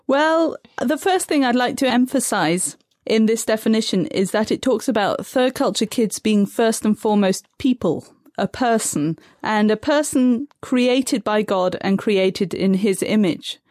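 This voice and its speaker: A woman who grew up in Tanzania, calmly explaining terms step by step as an interview guest. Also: on the high side, a little slow, few pauses, no echo, studio quality. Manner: calm, methodical, defines terms step by step. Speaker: guest expert on third culture kids. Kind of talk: measured explanatory interview answers.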